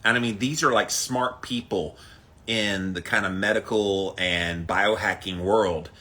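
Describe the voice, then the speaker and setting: A man's voice: fairly low pitch, fairly even intonation, a little slow, bright, forceful tone. A man hosting a casual livestream, chatting to viewers with an emphatic, punchy delivery. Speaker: host of a daily ice bath challenge livestream. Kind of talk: casual livestream chat, greeting viewers by name.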